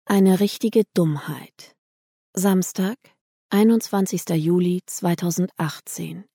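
A woman reading an audiobook aloud in a measured, calm, scripted narration. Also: on the low side, gravelly, slightly rough, dry recording, studio quality. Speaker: audiobook reader.

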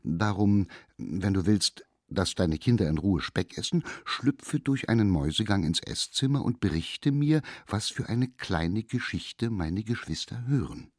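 A man's voice: lowish voice, expressive, unhurried, few pauses, darkish tone, no echo, studio quality. A man voicing a naughty, stubborn child in a fairy tale who schemes and coaxes animals to help him. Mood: scheming.

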